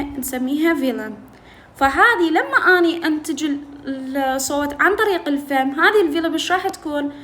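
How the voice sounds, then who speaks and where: A woman tutor with an Iraqi Arabic accent explaining a linguistics textbook to students. She asks questions and answers them herself, repeats key terms, and reads English lines slowly. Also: sits high, fairly bright tone. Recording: echoey room with faint noise.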